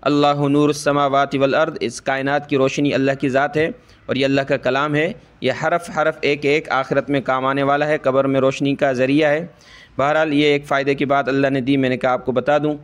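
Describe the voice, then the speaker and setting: A man teaching Quran recitation. He explains each rule slowly, checks in with "ठीक है" over and over, and chants the verses long and drawn out. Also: mid-range voice, level tone, clean tone. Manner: says "ठीक है" often to check the listener. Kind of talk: Quran tajweed lesson.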